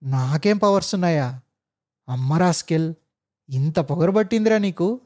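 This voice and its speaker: A man voicing an arrogant male engineer boss who barks insults and mixes English words into his shouting. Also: on the high side, normal speed, lightly acted. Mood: furious. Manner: barking insults, mixing in English.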